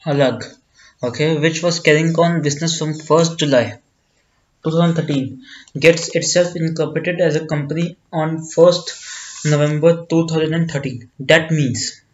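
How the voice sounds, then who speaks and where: A man with an Indian accent teaching accounts, working step by step through an exam problem and deliberately repeating phrases. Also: fairly high pitch, steady tone, highs cut off.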